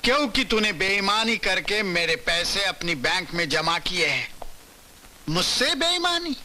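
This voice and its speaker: Guy doing a high bright bossy gangster dad, sneering and threatening, swings up and down a lot, music under it. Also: big pitch swings, a little slow, slight background noise, full character voice. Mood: menacing. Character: scheming gangster father called Hitler, menacing. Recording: music playing behind.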